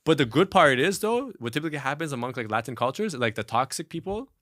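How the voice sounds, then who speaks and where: A man's voice: mid-range voice, sing-song, fast, a bit bright, no room sound, studio quality. A young man hosting a podcast in casual chat, rambling with lots of fillers and swearing freely. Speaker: podcast host.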